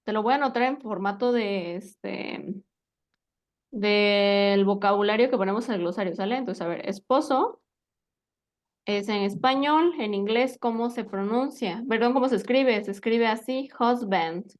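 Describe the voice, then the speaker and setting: A woman's voice: medium pitch, moderate pace. A woman teaching an English lesson, patiently checking her students understand with frequent questions. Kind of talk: spoken language lesson.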